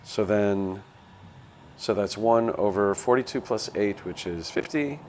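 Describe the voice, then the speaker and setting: A game streamer plays a visual novel live, reading its text aloud and thinking out loud in a self-deprecating way. His voice sits on the low side and moves at an unhurried pace, with a little hiss or hum in the audio.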